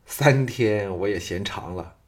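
A cocky young swordsman hero, voiced by a male storyteller, teasing and sure of himself. His low voice stays close to the narrator's own. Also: measured pace, lightly acted.

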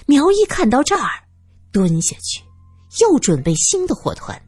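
A woman narrating a serialized audiobook, animated and acting out each character. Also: sits high, normal speed, slightly rough, no echo, studio quality, soft background music. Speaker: storyteller.

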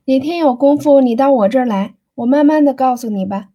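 A woman's voice: sits high, fairly quick, highs cut off. A woman voicing a chatty, easily flustered young married woman in an audiobook reading, playful and evasive.

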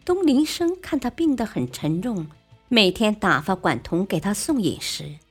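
A woman narrating a classic tale in an expressive, lively way. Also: mid-range voice, moderate pace, breathy edge. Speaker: storyteller. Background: faint music.

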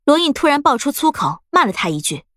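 A woman narrating an audiobook story in a steady, expressive storytelling manner. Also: sits high, fast, dry recording, studio quality.

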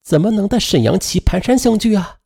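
A man's voice: high voice, expressive, brisk, gravelly, warm tone, voice pushed up, exaggerated voice. A man voicing a furious adult wife who has caught her husband lying, scornful and accusing, in a dramatized radio story. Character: shrill furious betrayed wife, adult woman.

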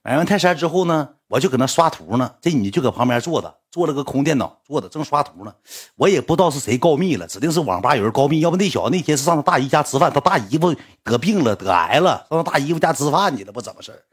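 Northeastern Chinese man spinning a rambling anecdote; quick delivery, swinging pitch. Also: very animated, breathy edge. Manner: rambling, repeats words, acts out quotes. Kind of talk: casual storytelling.

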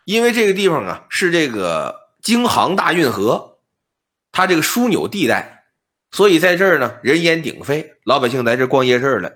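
A man telling an old ghost story on a podcast, explaining details in an animated, comic patter. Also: a little high, moderate pace. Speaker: storyteller, co-host.

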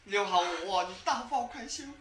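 A woman with a northern Shaanxi accent playing a gentle, grateful young male scholar in a Shaanbei storytelling dialogue, speaking softly and plaintively. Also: fairly high pitch, animated, moderate pace, reverberant, slight background noise. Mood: earnest.

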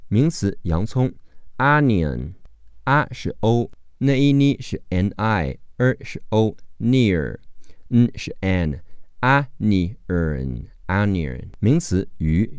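A man leads an English phonics lesson, breaking each word into letters and sounds at an unhurried, careful pace. His voice is low and mellow, with lively rises and falls in pitch. It is recorded close and dry, with no room sound. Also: no room sound. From China. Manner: slow, deliberate spelling out of sounds and letters. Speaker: English teacher.

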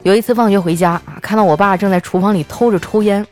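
A woman's voice: mid-range voice, quick pace, darkish tone, faint music behind. A woman host telling funny everyday stories in a playful manner, laughing often. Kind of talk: comic storytelling monologue.

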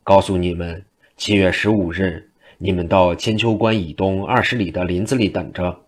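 A storyteller puts on a sly old monk who jokes his way through every order, his voice sitting very low and rumbling. He speaks offhand and teasing, like a master of traditional storytelling. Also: steady tone, normal speed, husky. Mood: joking. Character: playful old male wandering monk, joking.

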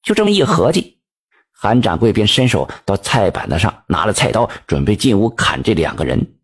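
A man, telling a folk tale in lively colloquial speech. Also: on the low side, normal speed, slightly rough. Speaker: storyteller.

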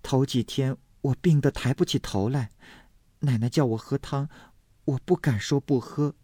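A man voicing a meek, sickly young maid who speaks in a soft, hushed, plaintive way. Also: mid-range voice, husky, no room sound, studio quality, voice pushed up.

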